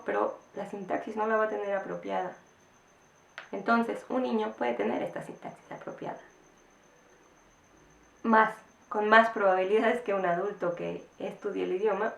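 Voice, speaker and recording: A woman teacher, her voice sitting a little high with a gravelly, fry-edged texture. She explains things patiently to parents and repeats words slowly to model English sounds. The recording is in an echoey room.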